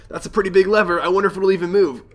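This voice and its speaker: This young man's high voice comes out rapid-fire with fairly even intonation while he hosts a let's play. He's got a cold that makes him slightly nasal, and he chats loosely, thinks out loud, and reads the game's text aloud.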